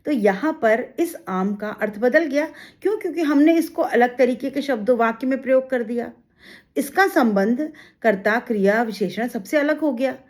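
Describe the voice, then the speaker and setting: A woman's voice: on the high side, normal speed, darkish tone. A woman teaching an exam-prep grammar lesson. She explains step by step, asking rhetorical questions and giving examples.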